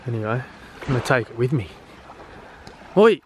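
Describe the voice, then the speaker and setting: A man's voice: mid-range voice, measured pace, a little hiss or hum. An Australian man talking casually on a travel vlog, blunt and crude, swearing freely and joking about himself. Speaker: travel vlogger.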